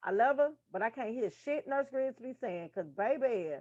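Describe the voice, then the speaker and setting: Speaking at normal speed in a fairly high voice with lively intonation, a nursing tutor teaches casually and bluntly, scattering swear-filled asides to her listeners. The dry recording sounds dull and lo-fi.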